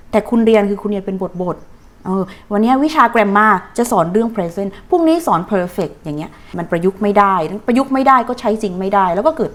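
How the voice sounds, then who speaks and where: A woman teaching an English lesson in Thai, counting her students in and drawing out English sentences slowly for them to repeat. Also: medium pitch. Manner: stretches out English phrases slowly for practice.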